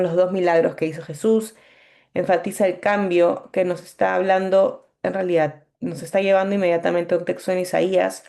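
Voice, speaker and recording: A woman's voice: fairly low pitch, vocal fry, dark tone. A young woman teaching a Bible meditation workshop, explaining patiently with fillers and frequent checks that the class is following.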